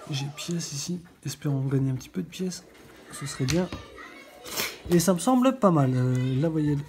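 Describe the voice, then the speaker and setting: Low mellow-voiced woman vlogger. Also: expressive, normal speed, a little hiss or hum. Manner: chatty, thinks aloud, checks letters one by one. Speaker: scratch-card video host. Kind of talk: casual running commentary while scratching.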